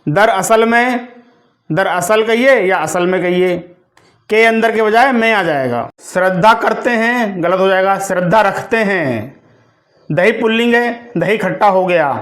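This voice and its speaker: Man teacher with a high voice, slow deliberate grammar lesson delivery. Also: a bit bright. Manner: slow, deliberate, word-by-word dictation of correct and incorrect forms. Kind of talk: Hindi grammar lesson for exam preparation.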